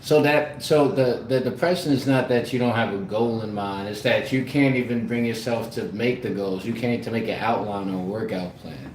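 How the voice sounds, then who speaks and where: A man's voice: fairly low pitch, normal speed, few pauses, reverberant, slight background noise, rough recording. A man in casual chat who cuts in to make an earnest objection.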